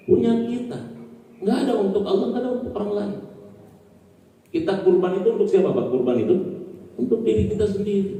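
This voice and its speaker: A man's voice: sits high, warm tone. A man giving a conversational sermon after dawn prayer, asking the listeners questions. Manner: conversational, asks the audience questions. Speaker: Islamic preacher. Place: mosque hall. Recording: echoey hall, distant mic.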